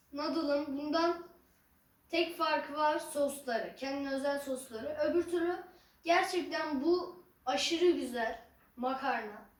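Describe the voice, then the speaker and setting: High-pitched female vlogger, distant and echoey. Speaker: mukbang ASMR vlogger. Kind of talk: casual chat to camera while eating. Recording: roomy echo, distant mic, faint noise.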